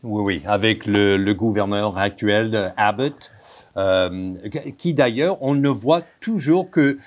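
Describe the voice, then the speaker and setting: This Texas professor, a guest on a radio interview, speaks in a lowish voice at a slow, deliberate pace. He lectures as he talks, with fillers and restarts along the way.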